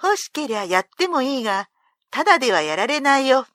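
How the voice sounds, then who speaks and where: A woman's voice: high voice, very animated, a little fast, fairly bright tone, dry recording, clean studio sound. A woman voicing a bold, boastful young male warrior in a read-aloud folk tale, with a teasing, commanding manner. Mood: cocky.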